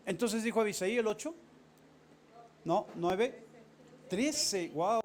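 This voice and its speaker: A man, a pastor, giving a sermon with animated storytelling and casual asides to the congregation. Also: high-pitched, slow pace.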